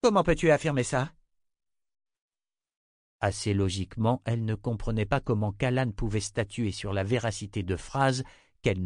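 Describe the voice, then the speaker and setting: Man narrating a novel, low and dry. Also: darkish tone, dry recording. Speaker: audiobook narrator. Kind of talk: scripted narration.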